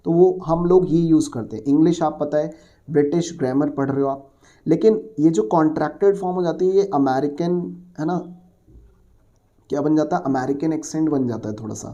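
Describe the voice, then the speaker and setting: A man's voice: a little high, normal speed, dark tone, dull audio. A man teaching an exam-prep English grammar lesson. He explains patiently, asks the class questions and answers them himself, and mixes in English words and phrases.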